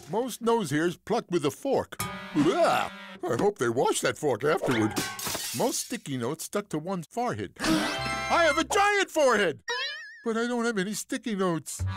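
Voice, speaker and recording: A jittery male cartoon octopus who talks more and more as his nerves rise. His delivery bounces up and down in pitch. Music plays under him. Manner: anxious, rambling when nervous. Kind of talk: cartoon voice acting.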